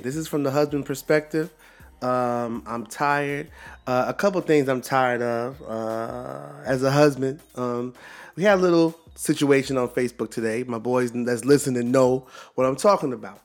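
An American man hosting a solo podcast in a casual, laid-back bro style, full of hip-hop slang and repeated catchphrases. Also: medium pitch. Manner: laid-back, slangy, bro-like delivery peppered with "yo" and "you know what I'm saying". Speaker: podcast host.

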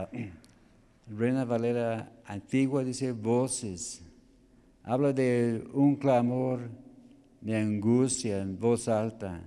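Slow, mellow-voiced preacher. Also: male voice, mid-range voice. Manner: halting, spells out Greek words letter by letter. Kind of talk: sermon.

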